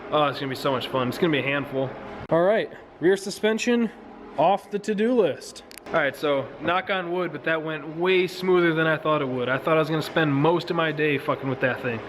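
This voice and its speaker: Vlogging his car project from a garage workshop, a man in his thirties speaks briskly in a voice on the high side, with slight background noise. He uses frat-bro slang and swears freely, filming on a handheld camera at arm's length.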